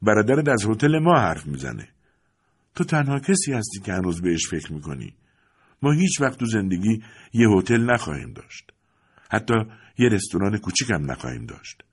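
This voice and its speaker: A man's voice: fairly low pitch, very animated, husky. A man voicing a skeptical immigrant mother in an audiobook, scoffing and dismissive.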